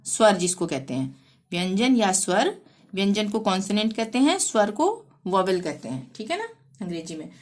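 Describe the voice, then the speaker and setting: A woman teacher explaining pronunciation rules patiently, spelling out words letter by letter and repeating each rule. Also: on the high side. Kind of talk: language lesson.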